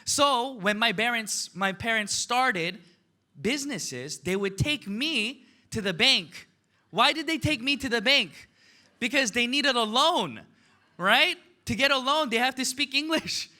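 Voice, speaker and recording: An American man gives a motivational seminar talk, questioning the audience and tagging points with "right?" and "okay?". His very high voice is bright and forceful, with lively intonation and a measured pace.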